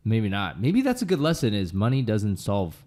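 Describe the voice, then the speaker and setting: A man's voice: on the low side, wildly swooping pitch, normal speed, a little mellow. A man in his late thirties, co-hosting a casual podcast chat and telling stories animatedly with lots of filler words. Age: 30s. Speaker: podcast co-host.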